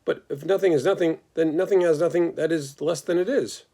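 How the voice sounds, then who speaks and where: A man's voice: on the high side, brisk, warm tone, pitched above the performer's own voice. A man voicing a lonely young male pig who pleads and whines for a friend, in a storybook read-aloud. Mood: puzzled. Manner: pleading, tearful, rambling.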